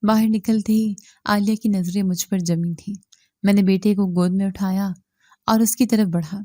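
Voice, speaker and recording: A woman reading a moral story aloud as the narrator, in a steady, even manner. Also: medium pitch, no room sound, studio quality.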